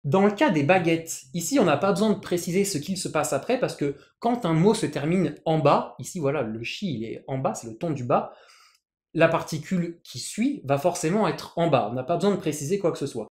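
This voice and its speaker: A teacher with a middling, slightly mellow voice moves briskly through a language lesson, using lively intonation. They patiently repeat words, restart phrases, and lean on written examples, all captured with a clear echo from the room.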